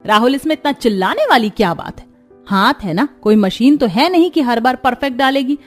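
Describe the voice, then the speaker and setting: A woman's voice: a little high, animated, brisk, soft background music. A woman voicing a kind, caring middle-aged mother-in-law who speaks soothingly but firmly. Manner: soothing, gently firm. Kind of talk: cartoon story voice acting.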